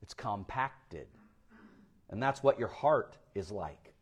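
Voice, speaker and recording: A pastor from Florida preaching a sermon to a church, his voice climbing loud and high, then falling low and quiet for emphasis. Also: expressive, slow, slightly rough.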